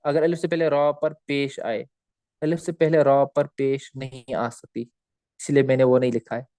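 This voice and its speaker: A man teaching recitation rules in a recorded slide lecture. He asks questions and answers them himself, repeats key terms, and drags out example words slowly. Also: mid-range voice, level tone, dark tone, no room sound.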